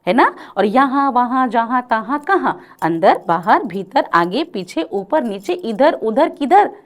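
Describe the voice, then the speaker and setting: Female teacher, high-pitched, exam-prep grammar lecture; checks in with students often, stretches example sentences. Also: sing-song. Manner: addresses students as "beta", asks "clear ho gaya?" often; sings or drawls example lines slowly.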